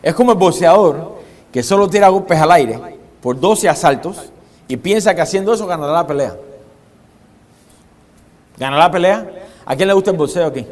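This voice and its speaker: A man preaching a sermon as a pastor, dramatic, shifting his pace and loudness and putting questions to his congregation. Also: fairly high pitch. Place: church hall with congregation. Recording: long hall reverb.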